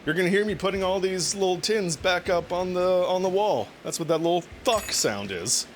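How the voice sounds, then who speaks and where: A man's voice: high voice, expressive, moderate pace, a little hiss or hum. A man chatting casually with his viewers on a cooking live stream, laughing often and swearing now and then.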